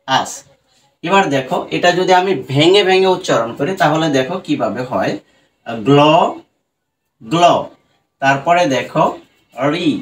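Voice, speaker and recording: A man teaching English pronunciation to students, explaining rules slowly and repeating sounds syllable by syllable. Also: fairly high pitch, a bit bright, distant mic, rough recording. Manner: slow and repetitive, breaking words into syllables.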